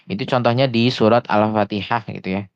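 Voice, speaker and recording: A man with a low, smooth, resonant voice and fairly even intonation teaches Quran recitation online. He explains patiently, pausing over small hesitations and often slowing down to demonstrate sounds. The dry, slightly dull audio sounds like lo-fi voice chat through a headset or desktop mic.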